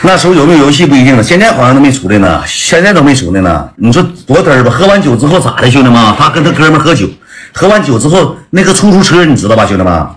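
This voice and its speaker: Speaking rapid-fire and very animated at a medium pitch, a man casually recounts a story to an audience, blunt and slangy, laughing along. Music plays in the background.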